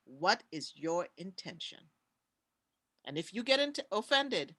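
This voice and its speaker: Over a video call, a woman with a Trinidadian accent speaks passionately on a conference panel, repeating key words for emphasis. Her voice is mid-range with a sharp tone.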